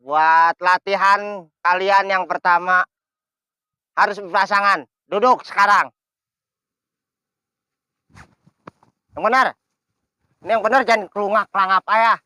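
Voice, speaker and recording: A man's voice: high-pitched, fairly even intonation, moderate pace, pauses often, sharp tone, smooth, no echo. A man with a Betawi Indonesian accent playing a bossy, mocking drill sergeant in a comedy sketch, barking orders and questioning recruits. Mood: pompous. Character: bossy mocking male drill commander of village guards.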